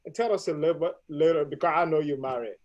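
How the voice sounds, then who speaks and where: A man's voice: a little high, fast talker, a little mellow, dull audio. A man hosting a live-streamed family talk show, introducing his guest formally and asking long, winding questions. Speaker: host.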